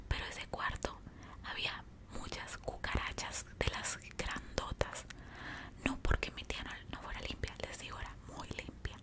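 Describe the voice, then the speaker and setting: A young woman with a Mexican accent whispers a casual ASMR storytime while chewing gum, close to a desktop microphone. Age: young adult. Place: small indoor room. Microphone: large desktop microphone up close.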